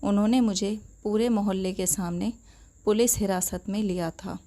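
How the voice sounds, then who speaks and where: A woman narrating a sad story in the first person, in a slow, emotional telling. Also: medium pitch, fairly even intonation, dark tone.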